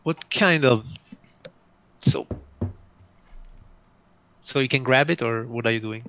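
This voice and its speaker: A man narrating a tabletop game as dungeon master, with many pauses and fillers. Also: medium pitch, fairly bright tone, dull audio, a little hiss or hum. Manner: hesitant, many fillers, slow in places.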